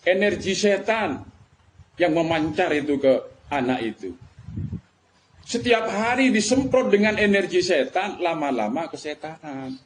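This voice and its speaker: Slow, emphatic preacher man. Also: high voice, sing-song. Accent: Madurese-Javanese Indonesian. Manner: emphatic, rhetorical questions, mixes colloquial words. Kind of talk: religious lecture. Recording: faint background noise.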